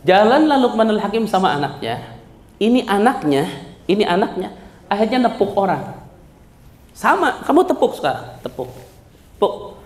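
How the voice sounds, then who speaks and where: A man, a religious teacher, guiding pilgrims and telling a story with lively acted-out dialogue. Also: high-pitched, moderate pace, long pauses. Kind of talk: pilgrimage guidance talk with storytelling. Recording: echoey room.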